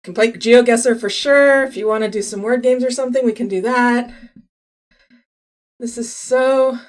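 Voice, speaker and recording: A woman's voice: a little high, fairly quick. A woman in her forties chatting casually with viewers on a live stream, laughing often and restarting her sentences. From California. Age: 40s. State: a little out of breath.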